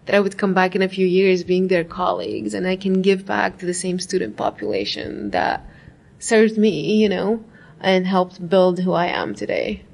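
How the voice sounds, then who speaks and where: A woman with a medium-pitched voice and vocal fry talks reflectively during a casual interview. An Iraqi graduate student, she keeps returning to "like" and "right?".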